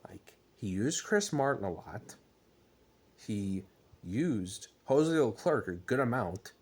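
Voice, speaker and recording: A man's voice: on the low side, big pitch swings, takes it slowly, breathy edge. A man on a casual sports rant as a fan, exasperated, with groans and emphatic bursts.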